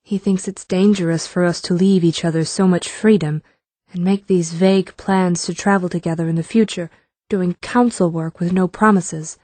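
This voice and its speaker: A man's voice: sits high, steady tone, moderate pace, darkish tone, no echo, voice pushed up, close to an everyday voice. A man voicing a blunt, determined young woman warrior in an audiobook, speaking earnestly and directly. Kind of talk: audiobook character voice.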